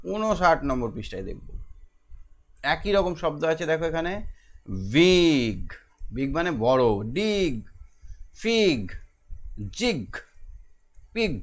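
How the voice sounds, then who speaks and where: Man teaching young kids. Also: fairly high pitch. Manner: explains slowly, repeats words, drills pronunciation with children. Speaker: primary school teacher. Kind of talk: online homework class.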